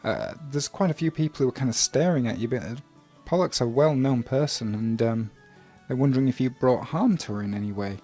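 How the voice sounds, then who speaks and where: A man narrating a tabletop game as game master, relaxed and full of ums and uhs. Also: mid-range voice, brisk, hardly any pauses, soft background music.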